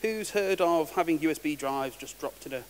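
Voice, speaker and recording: A man's voice: on the high side, moderate pace. A man giving a technical conference talk, casual and wry, often restarting words. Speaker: conference speaker. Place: large conference hall. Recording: reverberant hall with faint hiss.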